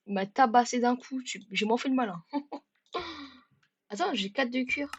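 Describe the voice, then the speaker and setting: A woman giving let's-play commentary in a joking way. She stammers and repeats words, and bursts into shouts at the game. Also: a little high, brisk, highs cut off, noisy background. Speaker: gaming video creator.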